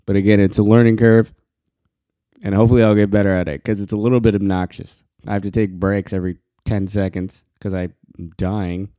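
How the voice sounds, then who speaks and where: Quiet, halting man with a low, flat voice. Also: no room sound, clean studio sound. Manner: quiet, halting, pauses often for breath. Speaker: podcast host. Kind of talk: casual solo podcast talk.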